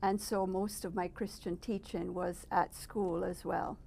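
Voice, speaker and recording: Measured, gravelly-voiced middle-aged woman. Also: lowish voice, level tone, dark tone, a little hiss or hum. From Barbados. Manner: thoughtful, measured, with frequent pauses. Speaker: guest. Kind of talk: personal testimony interview. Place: residence.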